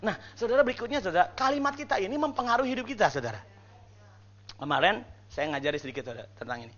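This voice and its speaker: A man preaching a sermon to his church in a casual, lively way, acting out the congregation's responses and joking with them. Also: high-pitched, racing, highs cut off. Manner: lively, acts out congregation responses and mimics whispered prayers. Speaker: pastor. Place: church service.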